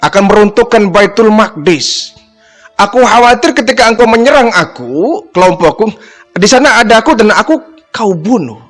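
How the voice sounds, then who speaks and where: A man's voice: high voice, animated, moderate pace, fairly bright tone, soft background music, voice pushed up. A man voicing a kindly, wise older man who presses with raised, urgent questions.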